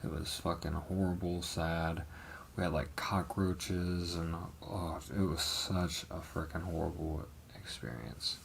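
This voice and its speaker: A livestream host talks through his own life slowly in a low, gravelly voice, rambling and hesitant, breaking off and restarting with many ums and some swearing. Faint noise hums behind this casual live testimony.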